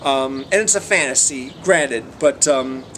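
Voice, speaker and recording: A man's voice: medium pitch, a little slow, a bit bright. A man giving a casual, rambling film review in a hesitant, meandering way, often trailing off mid-thought. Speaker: amateur movie reviewer. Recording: noticeable background noise.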